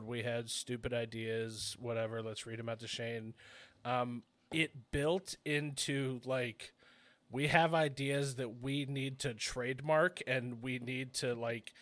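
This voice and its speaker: A man's voice: medium pitch, a bit bright, no room sound. A man hosting a podcast in a casual, chatty style. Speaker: podcast host.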